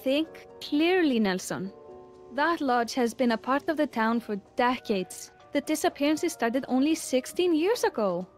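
A woman voicing a sly, imperious mystery informant in a cartoon game, arch and deliberate. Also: high-pitched, lively intonation, soft background music. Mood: scornful, insistent. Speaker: character in a puzzle video game.

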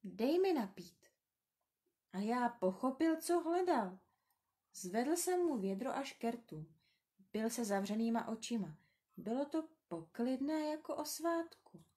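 A woman reading a children's story aloud, gentle, slow and tender. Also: a little high, sing-song.

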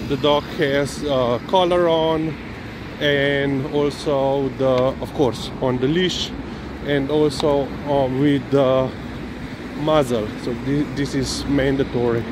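A man casually narrating a walk with his dog outdoors on city streets, rambling and unhurried, with many fillers and restarts. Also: mid-range voice, fairly even intonation. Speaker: dog owner vlogging a walk. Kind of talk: casual narration while walking. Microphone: handheld or body camera. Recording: noisy outdoor street recording. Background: traffic and street noise.

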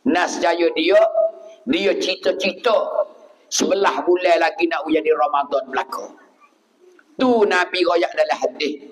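Male preacher, Patani Malay accent, high voice, echoing mosque hall. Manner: animated, repetitive preaching with sudden loud bursts. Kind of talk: sermon.

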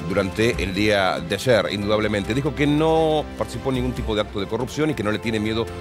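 A man's voice: fairly low pitch, quick pace, over music. A man commenting on the news as anchor in a TV studio. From Argentina.

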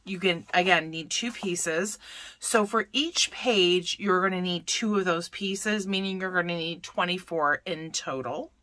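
A woman's voice: on the low side, unhurried, sharp tone. A woman hosting a papercraft tutorial, chatting through each step as she works and often correcting herself mid-sentence. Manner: chatty, self-correcting, talks while working.

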